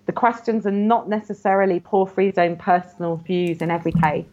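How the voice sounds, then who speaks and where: A woman's voice: lowish voice, little pitch movement, a little fast, a little mellow. A woman scholar in an interview, explaining ancient texts earnestly and often saying "you know". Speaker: guest scholar. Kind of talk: academic interview. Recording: muffled lo-fi audio.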